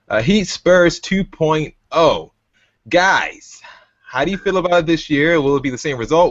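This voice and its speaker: A man's voice: mid-range voice, no echo. A man hosting a casual sports talk podcast, brash and teasing, bossing his co-hosts around. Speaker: podcast host. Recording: dull lo-fi recording.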